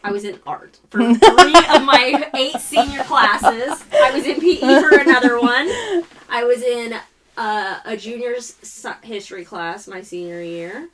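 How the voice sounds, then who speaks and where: A woman's voice: a little high, unhurried, over a noisy crowd. A woman in her thirties co-hosting a casual podcast chat, teasing her friends and laughing often. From Missouri, USA. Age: 30s. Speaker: podcast co-host.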